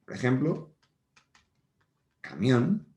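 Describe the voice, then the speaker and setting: In an echoey room, a male primary school teacher patiently walks children through grammar on a whiteboard, going over every point again and frequently checking that they follow. He speaks very slowly in a medium, slightly mellow voice whose pitch swoops wildly.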